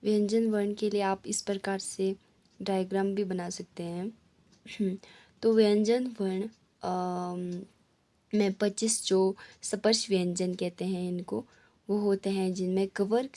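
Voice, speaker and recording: A woman teacher explaining a grammar lesson slowly and patiently, spelling out sounds one by one. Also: medium pitch, warm tone.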